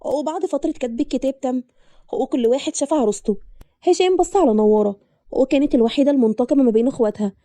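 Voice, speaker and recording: A woman storyteller, narrating a scripted story in a brisk, rushing delivery. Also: high voice, warm tone, no echo.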